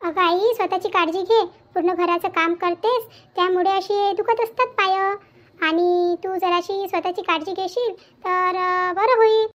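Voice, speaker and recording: A woman voicing a troubled young married daughter in a cartoon. She talks in a hesitant, pleading way with halting restarts. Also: extremely high pitch, steady tone, fairly bright tone. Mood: tearful. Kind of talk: Marathi cartoon voice acting. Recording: dull lo-fi with faint background music.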